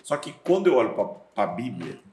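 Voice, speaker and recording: A man, a pastor and seminary professor, chatting on a podcast with a deep voice, telling stories and acting out scenes. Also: moderate pace, roomy sound, a little hiss or hum. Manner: lively storyteller, acts out scenes, laughs often. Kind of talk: casual podcast chat.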